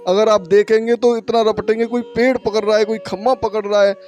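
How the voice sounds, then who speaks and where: A high-pitched man speaks urgently to his viewers as friends while filming a devotional pilgrimage vlog outdoors. He talks into a camera mic from a motorbike on a muddy road in the rain, with faint music underneath. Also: little pitch movement, a little fast, a little mellow. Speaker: pilgrimage vlogger. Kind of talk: devotional travel vlog narration.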